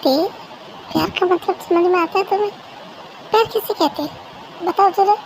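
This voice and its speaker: Someone playing a gentle soothing young husband. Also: very high voice, normal speed, a little hiss or hum, low-quality recording. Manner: soft, reassuring, coaxing. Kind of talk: fan-made audio drama.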